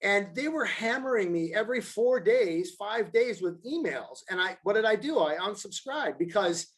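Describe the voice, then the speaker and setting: A man's voice: high-pitched, expressive, normal speed. Emphatic man talking business. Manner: emphatic, repeats himself for stress. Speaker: mortgage advisor. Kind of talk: casual podcast chat.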